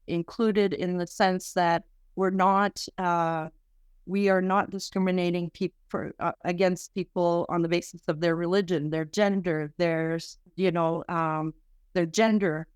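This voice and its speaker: Her voice is fairly low and smooth, with fairly even intonation, captured in a dry, studio-quality recording. She's a middle-aged woman from Quebec, a French-speaking research director, answering a podcast interview earnestly but haltingly, with many restarts.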